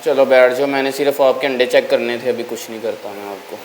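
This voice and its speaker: A man's voice: mid-range voice, a little fast, slight background noise. A man casually chatting to his viewers while tending his pet birds at home, talking to them and coaxing them along. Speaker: bird-keeping vlogger. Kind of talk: casual vlog chat. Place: at home, among bird cages.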